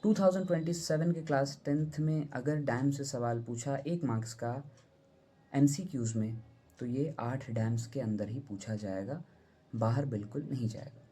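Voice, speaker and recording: A man's voice: medium pitch, normal speed, warm tone, breathy edge. A young man teaching an exam-prep lesson, repeating questions and answers as drills and using playful memory tricks. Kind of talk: exam-prep lesson mixing Hindi and English.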